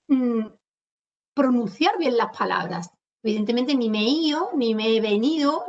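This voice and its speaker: High-voiced Andalusian woman teaching online. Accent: Andalusian Spanish. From Andalusia, Spain. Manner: explanatory, addresses audience directly, slows to stress key words. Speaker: webinar presenter on communication skills. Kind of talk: online lecture. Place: home. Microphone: computer mic on a video call. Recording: distant, dull webinar audio.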